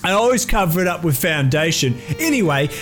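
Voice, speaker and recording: Man doing a melodramatic young male vampire wizard, whiny, high voice, music behind. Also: sing-song, a little fast. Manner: overwrought, whiny.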